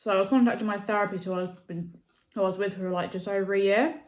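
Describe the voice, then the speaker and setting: A woman's voice: medium pitch, fairly even intonation, quick pace. A young adult woman chatting casually to camera as a vlogger, rambling with many fillers. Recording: echoey room.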